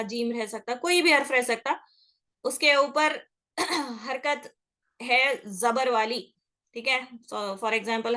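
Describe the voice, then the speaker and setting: With a fairly high pitch and a sharp tone, this woman teaches the rules of Quran recitation in an explanatory classroom lesson. She is patient, checking in frequently and drawing sounds out as examples.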